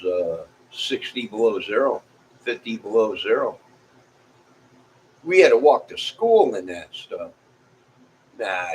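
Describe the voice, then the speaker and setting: This man, a vlogger from Illinois who is middle-aged or older, chats with viewers in a folksy, casual ramble marked by a Midwestern American accent. He has a medium-pitched voice. Audio quality is low, and background noise is clearly audible.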